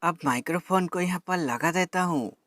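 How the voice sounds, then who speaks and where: Over faint background music, a man with a fairly high pitch and fairly bright tone speaks at a moderate pace. His clip is a product demonstration and how-to voice-over, where he explains a tech product step by step and addresses viewers as friends.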